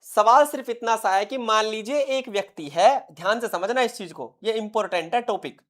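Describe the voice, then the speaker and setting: A man's voice: high-pitched, normal speed, a bit bright. A male teacher delivers an exam-prep lecture. He keeps firing questions at his class and then answers them himself. He drives each point home by repeating the key terms. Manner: quizzes students constantly, answers his own questions.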